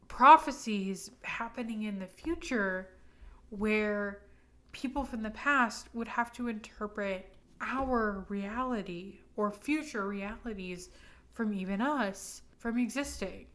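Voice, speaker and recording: A woman's voice: fairly high pitch, pushed and bright. A woman in her twenties, drunk and rambling emphatically through a casual, opinionated rant. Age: 20s.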